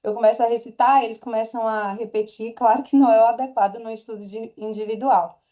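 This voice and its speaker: A woman with a Brazilian Portuguese accent gives a conference talk on home study. Her voice sits a little high and sounds mellow and warm, never sharp. She explains in a calm, conversational way and often checks in with her listeners. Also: fast, lo-fi sound. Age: adult parent. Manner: conversational, gentle explaining with frequent tag questions. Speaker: homeschool teacher.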